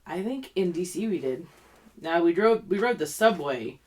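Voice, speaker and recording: A woman in her late thirties tells stories on a casual podcast with blunt, salty language. Her voice sits lower than most women's. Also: lively intonation, moderate pace, a little mellow, slight background noise. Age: 30s. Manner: blunt, swears freely, storytelling. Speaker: podcast co-host. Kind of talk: casual chat.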